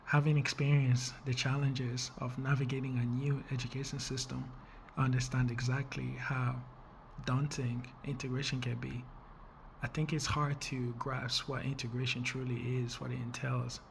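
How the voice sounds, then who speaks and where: Earnest young man with flat delivery. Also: mid-range voice, creaky, slight background noise. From Congo. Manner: earnest, measured, with fillers and small restarts. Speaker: nonprofit founder. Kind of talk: funding pitch video.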